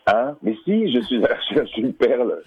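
A man's voice: mid-range voice, big pitch swings, normal speed, a little hiss or hum. A man phoning into a radio show, staying in character as a game explorer and talking in a hesitant, distracted way while commenting on what he sees. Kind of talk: in-character phone chat. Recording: tinny phone line.

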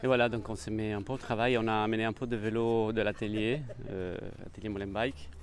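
A man's voice: lowish voice, little pitch movement, fast talker. A man speaking informally as a workshop organiser, explaining things step by step with some hesitation. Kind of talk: casual spoken explanation. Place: outdoors in town.

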